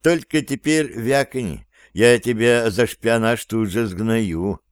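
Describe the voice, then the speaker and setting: A man voicing a cool, cocky male gang leader who gives orders calmly and mocks his crew. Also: mid-range voice, slow, smooth, dry recording, clean studio sound, natural voice. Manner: calm, commanding, mocking.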